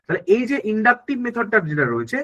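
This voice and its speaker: A man's voice: high-pitched, sing-song, fast talker, fairly bright tone, low-quality recording. A man teaching an online exam-prep class, explaining step by step, asking questions on his students' behalf and answering them, and often checking that they follow.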